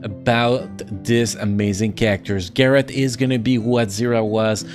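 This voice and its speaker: Over faint background music, a man with a French accent gives excitable, casual mobile-game commentary, speaking in a mid-range voice at a moderate pace. He restarts often and makes playful sound effects.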